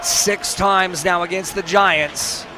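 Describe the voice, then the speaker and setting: A man doing live hockey play-by-play in clipped phrases, breaking into shouts on big plays. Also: high voice, steady tone, slow. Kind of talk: live sports play-by-play commentary. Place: hockey arena broadcast position. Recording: loud crowd noise, arena ambience.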